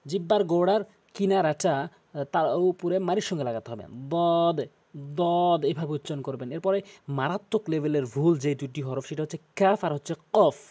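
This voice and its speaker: A man teaching Quran recitation, repeating each Arabic letter slowly to show how it is said. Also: a little high, dark tone, slightly rough. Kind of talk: tutorial on pronouncing Arabic letters.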